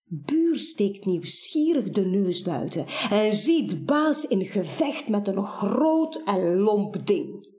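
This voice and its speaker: A woman reads a children's story aloud and speaks directly to the listener. Her pace is very slow and her pitch moves lively up and down. The pitch sits mid-range. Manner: expressive, addresses the listener.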